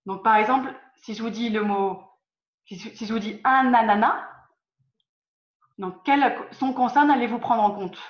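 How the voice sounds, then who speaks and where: Woman, online teacher, fairly high voice, patient, repeats herself, echoey lo-fi call. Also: normal speed. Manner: patient, repeats and restarts phrases, quizzes students. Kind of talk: online group lesson. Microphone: video call. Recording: roomy, dull lo-fi call audio.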